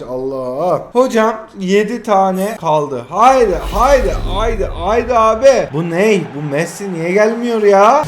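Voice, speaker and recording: A man's voice: sits high, a little hiss or hum. A man in his twenties commenting casually while opening card packs in a mobile football game, pleading, groaning and cursing at his luck. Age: 20s. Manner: exasperated, pleading, swings between groans and shouts.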